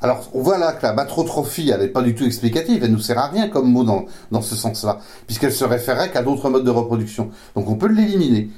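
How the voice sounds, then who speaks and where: A man's voice: medium pitch, lively intonation, fast, few pauses, dark tone. A man giving an informal, didactic science explanation as a biology expert, often repeating words as he searches for the next. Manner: didactic, with frequent self-repetitions and searching for words.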